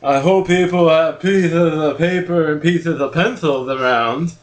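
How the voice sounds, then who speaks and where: A man's voice: fairly high pitch, a little slow, reverberant. A drunk man rambling goofily as a comedy podcast co-host. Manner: rambling and goofy.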